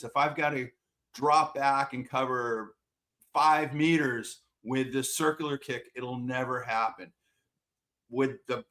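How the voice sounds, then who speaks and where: A man with a slightly high, somewhat bright voice coaches swimming and water polo. In an interview, he answers plainly and with self-deprecation, repeating words while he collects his thoughts.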